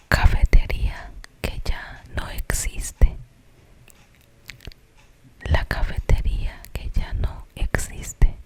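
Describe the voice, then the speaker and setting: A storyteller with a Colombian accent whispers an ASMR tale in a hushed, slow, suspenseful manner, pausing for explanatory asides.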